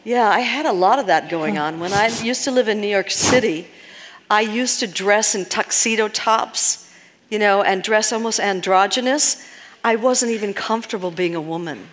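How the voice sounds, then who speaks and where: An American woman in her sixties leads a live workshop in a large seminar hall, her medium-pitched, fairly bright voice moving at normal speed. As seminar leader she comes across as earnest and puts questions to the audience, and the hall's long reverb is audible on the recording.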